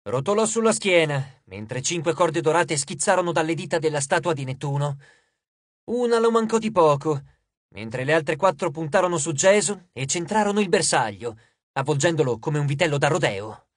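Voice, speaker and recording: A man narrating an audiobook in an expressive, lively storytelling manner. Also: on the high side, normal speed, dry recording, studio quality.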